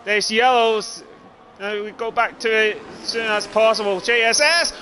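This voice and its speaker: A man's voice: sits high, level tone, moderate pace, bright, forceful tone. A man doing live race commentary on a livestream of a sim racing event. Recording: clearly noisy, engine noise behind.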